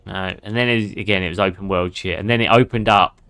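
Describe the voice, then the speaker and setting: A man streaming a game and chatting away in a somewhat low voice. He swears freely and laughs often as he talks with his viewers. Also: steady tone, fast talker, a bit bright, smooth. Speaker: gaming streamer. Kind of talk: casual gameplay commentary.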